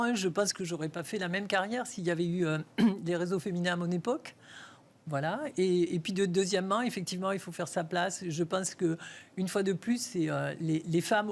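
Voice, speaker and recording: A middle-aged woman with a sing-song Toulouse accent, answering interview questions as a bank executive and often halting to search for her words. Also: on the low side, darkish tone. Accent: southwestern French, Toulouse. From Toulouse, France.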